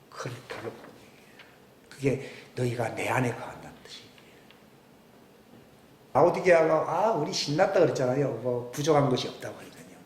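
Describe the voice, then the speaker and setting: A man, preaching a sermon as pastor, swinging between loud emphatic questions and hushed, near-whispered asides. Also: mid-range voice. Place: church sanctuary. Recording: echoey church room with faint background hiss.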